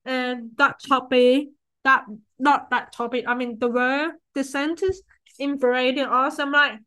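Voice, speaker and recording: High-voiced young woman chatting loosely. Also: steady tone, unhurried, sharp tone, smooth, poor audio. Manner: rambling, heavy use of "like" and restarts. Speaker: podcast host. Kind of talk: casual conversation.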